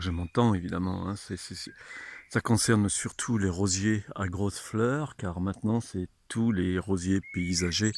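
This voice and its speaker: A man giving a chatty, unhurried walking tour of his own rose garden outdoors, often restarting his sentences. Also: fairly low pitch, a little hiss or hum. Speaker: home gardener showing his roses. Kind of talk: casual walking tour, vlog.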